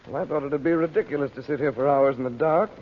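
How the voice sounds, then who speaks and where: An actor playing a commanding, protective American magician in an old-time radio adventure serial, speaking briskly with authority. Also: male voice, a little high, lightly acted. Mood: stern, concerned. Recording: dull, noisy old radio recording.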